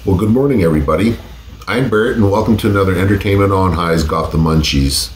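In a casual taste-test vlog filmed in his home office, a man in his forties hosts with a deep, congested voice from a cold, talking briskly, laid-back and swearing freely. His desk condenser mic picks up an echoey room and a slight hiss or hum.

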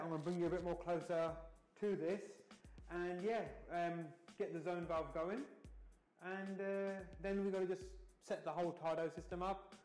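Casual man narrating his plumbing work. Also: a little high. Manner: casual, talks to camera while working. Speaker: heating engineer. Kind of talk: work vlog tutorial. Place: indoors in a home utility room.

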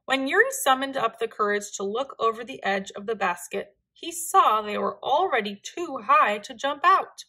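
A woman reading a children's picture book aloud, with gentle, expressive narration. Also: on the high side, normal speed, hardly any pauses. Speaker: storyteller.

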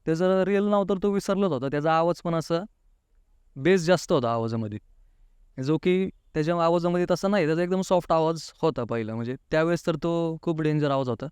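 The audio is studio quality, with no room sound, capturing a man whose clean, slightly mellow voice sits on the high side and runs a little fast. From Pune, he's a talkative interview guest narrating his own experience, acting out dialogue and tossing in "नाही का" constantly.

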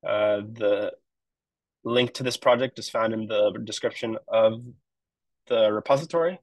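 A man's voice: lowish voice, a little slow, darkish tone, no echo, low-quality recording. Casual man giving a screen-share walkthrough. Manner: casual, explanatory, with frequent fillers. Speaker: web developer.

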